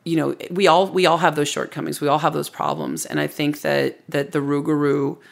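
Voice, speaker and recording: A storyteller with a noticeably gravelly, fry-laden voice speaks as an interview guest. The delivery is casual and conversational, explaining lore in a reflective way. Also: mid-range voice, little pitch movement, brisk.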